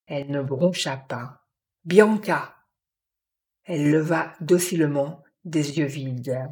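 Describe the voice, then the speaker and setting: A woman narrates a novel in a measured, deliberate way. Her voice sits low and dark, and she takes her time over each phrase. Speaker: audiobook narrator.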